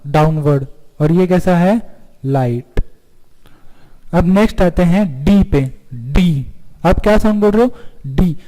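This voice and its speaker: A man's voice: high-pitched, a little slow, pauses often, warm tone. A man teaching stenography in an online lesson. He asks the class questions, answers them himself, and draws out single letters. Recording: long hall reverb.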